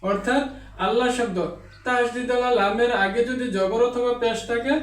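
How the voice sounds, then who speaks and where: A man teaching an online Quran reading lesson, explaining each rule and then chanting Arabic examples in a slow, drawn-out recitation. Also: very high voice, steady tone, far from the mic. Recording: echoey, off-mic room sound.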